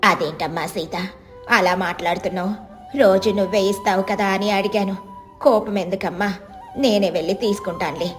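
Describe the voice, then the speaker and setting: Woman doing a frail old mother-in-law, soft pleading voice, lower and quieter, storybook telling. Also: steady tone, moderate pace, soft background music, lightly acted. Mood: hurt. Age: 70s. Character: frail elderly mother-in-law, meek and tearful.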